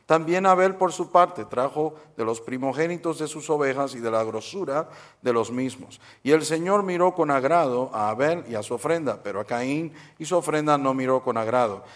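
A man's voice: mid-range voice, moderate pace. A middle-aged man preaching a humorous sermon at a church service, telling jokes and quizzing the congregation. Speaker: pastor.

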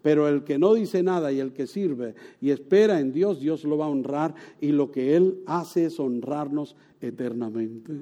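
A man preaching a sermon, telling a story with animated, sometimes loud exclamations and soft, hushed moments. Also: a little high, measured pace, hardly any pauses, highs cut off. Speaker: pastor.

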